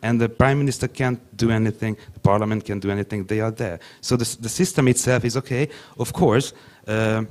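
Haltingly and with plenty of restarts, a young man who grew up speaking Hungarian addresses a conference panel in English through a handheld mic. His voice runs on the low side, with a darkish tone.

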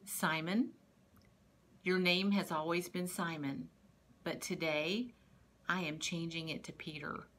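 A woman reading a kind, gentle teacher. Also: fairly low pitch, slow pace, pauses often. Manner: soft and calm. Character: kind, gentle male teacher speaking softly.

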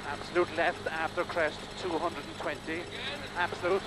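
Casting: male rally co-driver, clipped pace-note delivery, even pitch, recorded in-car under heavy engine din. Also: moderate pace. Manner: terse, clipped calls of directions and numbers. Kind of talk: rapid rally pace notes. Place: inside a rally car at speed on country lanes. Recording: very loud car engine noise. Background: loud engine and vehicle noise.

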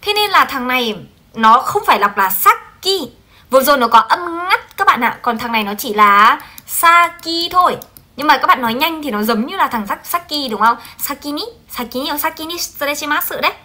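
A woman teaching a Japanese translation class on a livestream, lively and coaxing, often checking in with her students. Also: high voice, normal speed.

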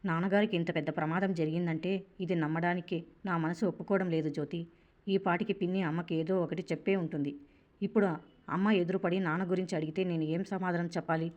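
A grown son shaken by bad news, his speech troubled and pleading, read by a woman. The lines come quickly and low, in the narrator's own voice. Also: a little mellow, lightly acted. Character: grief-stricken grown son, worried and tearful.

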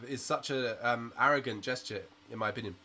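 A British musician in his thirties, a guest on a video-call interview, speaks earnestly and outspokenly with plenty of "you know"s from a small attic room under a sloped roof. He talks fast in a medium-pitched, pushed, bright voice, picked up by a laptop webcam.

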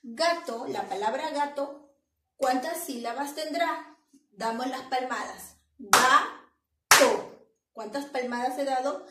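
A woman teacher giving a children's lesson, speaking slowly and clearly and clapping out each syllable. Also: sits high, reverberant, distant mic, slight background noise, poor audio. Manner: slow, clear classroom delivery with claps.

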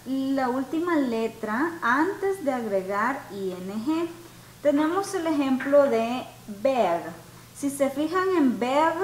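A woman teaching an English grammar class to students, explaining rules slowly and patiently and switching between Spanish and English. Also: high-pitched, a bit bright. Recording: echoey room, faint background noise.

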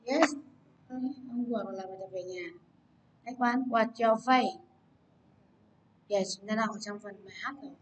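A woman leads a children's English class. Her voice sits a little high as she explains patiently and coaxes answers from her students. A light background hiss runs under the recording. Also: a little slow, pauses often, low-quality recording. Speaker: English teacher. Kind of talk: online English lesson for children.

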